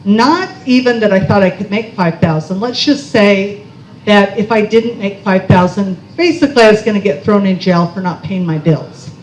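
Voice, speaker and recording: A middle-aged woman speaks at a conference, telling a personal story in a chatty, self-mocking way. She keeps checking in with the audience by asking "okay?". Her voice sits at a middle pitch and echoes around a roomy hall. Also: moderate pace, darkish tone, slight background noise.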